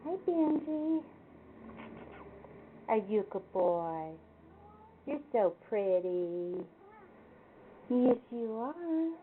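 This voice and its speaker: A woman's voice: a little high, very animated, drawn-out words, long pauses. A woman talking to her pet in a cooing, sing-song baby voice. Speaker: pet owner. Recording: tinny phone-like audio, faint noise.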